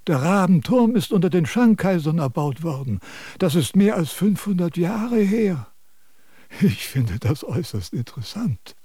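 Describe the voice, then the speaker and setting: An actor playing a self-important sage who lectures and scolds in a radio drama. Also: male voice, high-pitched, big pitch swings, a little slow, dark tone, husky, no room sound, clean studio sound, heavily acted. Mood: lecturing. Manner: pompous, preachy, scolding.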